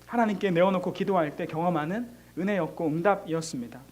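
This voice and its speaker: Middle aged guy pastor preaching to teens, kinda high voice, earnest, keeps repeating himself. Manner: earnest, repeats phrases, voices pleading prayers with rising pitch; leads the congregation in reading scripture slowly. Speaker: pastor of a middle school youth service. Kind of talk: sermon.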